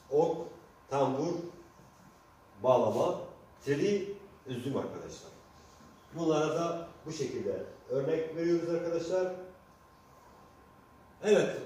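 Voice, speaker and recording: A man giving a language lesson, slowly spelling out letters and repeating example words for his listeners. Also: on the high side, darkish tone. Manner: slow, deliberate, repeats example words and addresses listeners often. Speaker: Kurdish language teacher. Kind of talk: alphabet lesson for Turkish speakers. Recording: very echoey, distant mic, faint noise.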